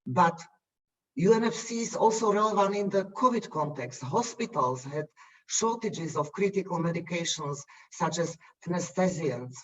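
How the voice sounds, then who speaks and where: A man giving formal panel remarks as a UN official, measured and listing his points one by one. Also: a little high, lively intonation, a bit bright. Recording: distant, muffled video call audio.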